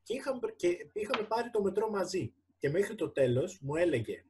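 A Greek stand-up comedian co-hosting a casual podcast, telling a self-mocking story and acting out the dialogue. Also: male voice, high voice, big pitch swings, a little mellow, slight background noise. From Greece. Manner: self-mocking, acts out both sides of a dialogue. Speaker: podcast co-host. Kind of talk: casual banter among comedians.

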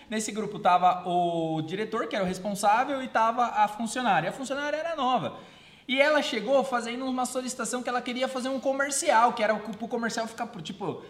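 A man co-hosting a casual podcast, telling anecdotes and changing his voice when he quotes people. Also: high-pitched. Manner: storytelling, animated voice shifts when quoting. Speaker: podcast co-host. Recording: roomy echo.

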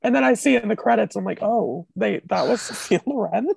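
A woman co-hosting a film podcast, wry and casual, with a husky voice. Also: mid-range voice, animated, a little fast, darkish tone, no room sound. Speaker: podcast co-host.

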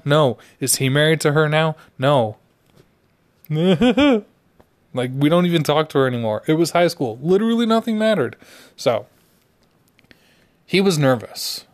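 A man's voice: a little high, unhurried, pauses often. A young man telling a personal story in a laid-back, rambling way, full of "like".

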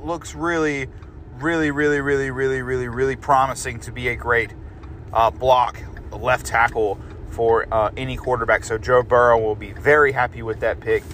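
A man with a medium-pitched, steady, somewhat bright voice hosts a podcast at a normal pace, with slight background noise. He chats casually about sports predictions in a loose, rambling way, frequently restarting and correcting himself.

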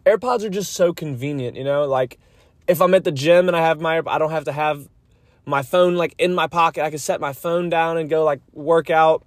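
A man's voice: on the high side, normal speed, no room sound. A man chatting casually and rambling on a solo podcast, recorded on a phone inside a parked car on a rainy day. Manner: rambling, informal, mildly profane. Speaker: podcast host. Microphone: phone microphone. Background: rain hitting the car roof.

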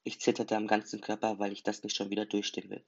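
Man, low gravelly voice, first-person story reading, dull lo-fi sound. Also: completely flat delivery, fast talker, a little mellow. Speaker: narrator. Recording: dull lo-fi recording.

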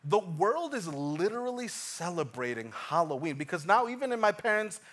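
Male pastor in his thirties, high-pitched, lively emphatic sermon delivery with repetition. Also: normal speed. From Ecuador. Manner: animated preaching, swings from hushed to loud, repeats lines for emphasis.

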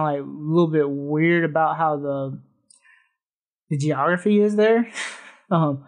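Chatty podcast host retelling a movie. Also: medium pitch. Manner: storytelling recap, laughs often. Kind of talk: casual movie-recap chat.

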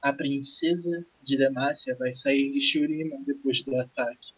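A man with a Brazilian accent voicing a brash, ruthless, husky pirate schemer in an improvised tabletop game. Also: mid-range voice, steady tone, unhurried, sharp tone, slight background noise. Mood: conspiratorial. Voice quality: husky, raspy. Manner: crude, conspiratorial. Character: brash, ruthless male pirate plotting a kidnapping. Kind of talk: improvised tabletop role-play. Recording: dull, lo-fi voice recording.

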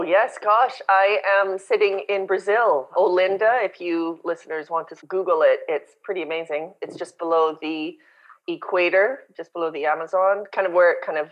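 Woman, Canadian-raised founder, guest on a podcast; low voice, animated storyteller, dull lo-fi call audio. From born in South Africa, raised in Canada. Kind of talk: casual interview chat. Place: home in Brazil, remote call.

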